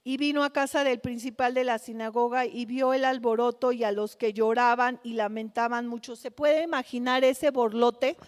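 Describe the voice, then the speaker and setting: A woman's voice: fairly high pitch, steady tone, clear, resonant tone. A woman preaching a sermon, putting rhetorical questions to her congregation. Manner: asks the congregation rhetorical questions, slow and deliberate. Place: church hall. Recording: long reverb of a church hall.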